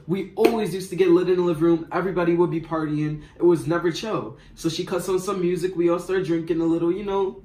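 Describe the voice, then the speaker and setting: A young man tells a story in loose slang, rambling and animated. His voice sits a little high for a man. The recording has a roomy echo. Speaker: vlogger. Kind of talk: casual storytime.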